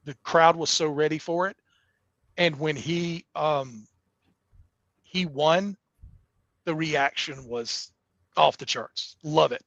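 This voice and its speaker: A man's voice: fairly high pitch, slow, pauses often, a bit bright, dry recording, highs cut off. A middle-aged man, a wrestling promoter, talking earnestly in a casual interview, often restarting his sentences. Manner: earnest, rambling with many restarts.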